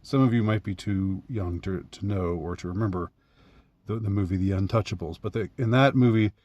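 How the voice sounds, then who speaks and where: A man's voice: on the low side, a little fast, darkish tone, highs cut off. A man talking in a casual monologue, rambling and hesitant, with many fillers and restarts and frequent chuckles. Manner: chuckles often. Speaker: commentator.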